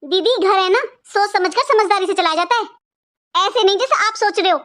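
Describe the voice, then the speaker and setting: Casting: a woman as a taunting cartoon sister-in-law, very high and shrill, sharp-tongued. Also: brisk. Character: scheming bossy young sister-in-law. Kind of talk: cartoon voice acting.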